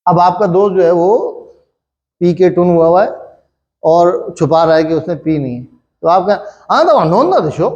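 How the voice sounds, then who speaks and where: A man's voice: sits high, steady tone, normal speed, long pauses, dark tone, dull audio. A middle-aged man from Pakistan with an Urdu-speaking Pakistani accent, teaching a chatty, repetitive Japanese grammar lesson and checking in with the class often. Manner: chatty, repetitive, with many "thik hai" checks.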